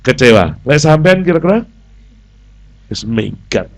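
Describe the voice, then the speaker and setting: A man's voice: medium pitch, measured pace. A man with a Javanese accent preaching a sermon as a pastor, humorous and acting out the people he quotes. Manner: animated, humorous, acts out quoted dialogue.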